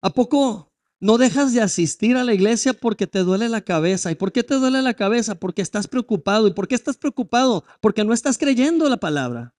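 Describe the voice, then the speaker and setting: High-voiced man preaching. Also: animated, a little fast, darkish tone. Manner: emphatic, asks rhetorical questions. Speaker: pastor. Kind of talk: sermon.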